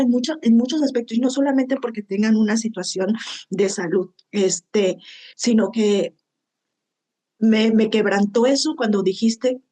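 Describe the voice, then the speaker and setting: A woman's voice: fairly high pitch, warm tone. Lady teaching bible to a group of women, heartfelt, keeps checking in with the room. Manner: heartfelt, tags lines with "¿verdad?".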